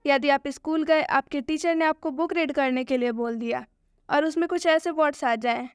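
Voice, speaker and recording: A woman's voice: high voice, moderate pace, no room sound, clean studio sound. A woman introducing a video lesson, speaking directly to students and asking them questions. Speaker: teacher.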